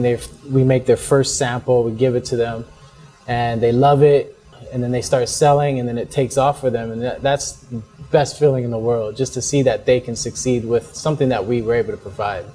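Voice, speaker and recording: A man's voice: medium pitch, normal speed, soft background music. A young man in a casual interview, talking easily with frequent small laughs and fillers. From born in the United States, raised in Hong Kong. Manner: relaxed, laughs often, many fillers. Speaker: interview guest, fashion entrepreneur.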